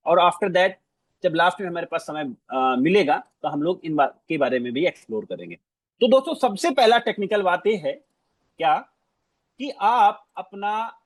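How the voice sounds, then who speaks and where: This presenter is a man with a high-pitched voice doing a casual screen-share walkthrough, recorded with no echo. He addresses his audience animatedly, repeats phrases, and mixes in English words.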